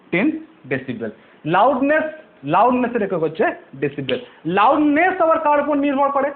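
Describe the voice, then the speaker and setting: A man with a very high voice teaches physics, walking through each idea patiently. He keeps asking rhetorical questions and answering them himself, repeating the key words. The audio is thin and phone-like. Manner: repeats key terms, patient step-by-step explaining. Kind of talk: online physics lesson.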